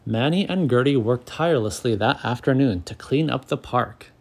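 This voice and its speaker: A man narrating a children's picture book aloud, calm and clear, as the channel's storyteller. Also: medium pitch, moderate pace.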